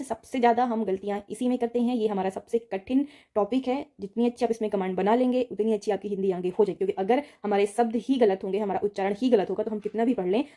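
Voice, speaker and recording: Woman, teacher, mellow warm tone, patient, repetitive, explaining spelling to students. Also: medium pitch. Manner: patient, repeats each word and says "ठीक है" often; addresses students directly, steady explaining tone. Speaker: Hindi teacher. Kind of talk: exam-prep grammar lesson.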